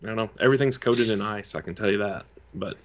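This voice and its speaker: Hoarse, low-pitched man co-hosting a podcast, wry and easygoing; slightly muffled, lo-fi mic. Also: fast. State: hoarse, losing his voice. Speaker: podcast co-host. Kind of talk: casual chat. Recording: dull lo-fi mic.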